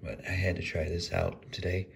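A man casually reviewing a frozen meal while eating, rambling in a relaxed way. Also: low voice, normal speed, creaky, slight background noise. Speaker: food reviewer. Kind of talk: casual food review vlog.

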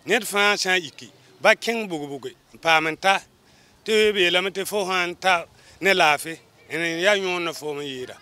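High, bright-toned man, switches between local language and French, interview clip. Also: moderate pace.

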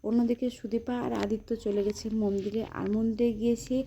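A woman's voice: fairly high pitch, level tone, fast talker. Woman casually retelling a TV episode. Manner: loose, conversational, with repeated linking phrases. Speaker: serial recap narrator. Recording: dull lo-fi recording with faint background noise.

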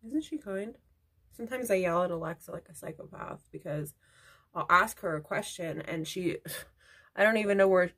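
A woman beauty vlogger does her makeup at home while chatting casually, rambling off into asides in a get-ready-with-me style. Her voice is on the low side with a fairly bright tone.

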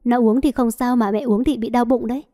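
A woman's voice: fairly high pitch, steady tone, brisk, lightly acted. A woman voicing a grumpy scolding old grandmother. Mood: grumbling. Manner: sharp, nagging scolding.

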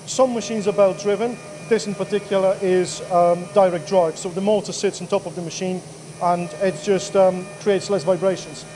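This workshop owner in his thirties keeps a steady tone and a normal speed, his voice pitched high against a noisy indoor machine shop. He answers the interviewer's questions plainly, with many fillers, holding a handheld mic.

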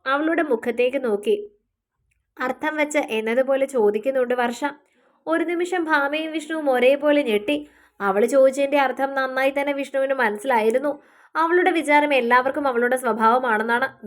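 A woman with a notably high voice narrates a serialized romance novel aloud. Her delivery is steady and even, in a scripted storytelling style.

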